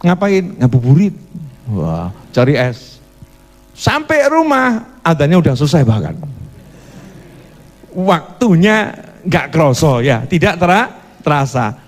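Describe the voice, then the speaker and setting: A male preacher, his fairly high voice leaping up and down as he teases the congregation with quick questions. The sermon rings out in a hall with a long reverb trailing behind every phrase. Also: huge pitch swings. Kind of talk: midday sermon.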